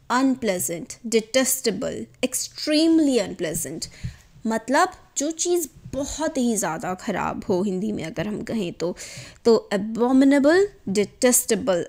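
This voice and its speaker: A woman teaching English words, moving at an unhurried pace. Her fairly high voice rises and falls a great deal as she spells words out and stretches example sentences word by word. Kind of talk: vocabulary lesson, slow spelled-out pronunciation.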